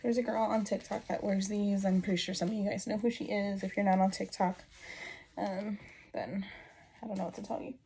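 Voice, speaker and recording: A woman in her thirties with a mid-pitched, fry-edged voice chats informally to her phone. She rambles, half talking to herself as she gets ready in a bedroom. Noticeable noise sits behind her. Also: fairly even intonation, a little fast, dark tone. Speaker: lifestyle vlogger. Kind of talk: casual get-ready-with-me chat. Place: small bedroom indoors. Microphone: phone propped at about arm's length. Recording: clear background noise and clicks.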